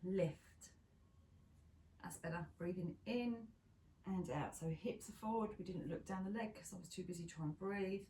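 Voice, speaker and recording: A woman instructor leading a pilates class, counting down reps and giving steady step-by-step cues. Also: lowish voice, normal speed, a little hiss or hum. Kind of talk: guided exercise class cueing. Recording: echoey room from a distance.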